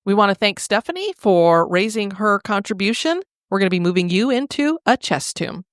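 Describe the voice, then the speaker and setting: A woman's voice: medium pitch, big pitch swings, moderate pace, dry recording. Casual, candid woman co-host; chatty storyteller with a medium voice, recorded dry. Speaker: podcast co-host. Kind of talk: casual podcast chat.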